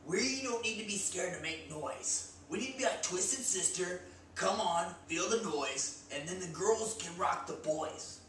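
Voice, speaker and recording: Unhurried yet animated, a high-pitched man in his twenties delivers mock gym advice in a cocky meathead persona for a comedy sketch. His tone is fairly bright. The recording is echoey and distant, taken by a far camera in a small indoor room against a bare wall, with a little hiss or hum.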